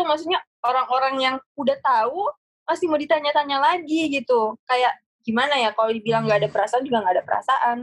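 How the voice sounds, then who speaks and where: A young woman chatting casually as a podcast guest, relaxed and slangy, often repeating words as she thinks. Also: sits high, husky, dry recording.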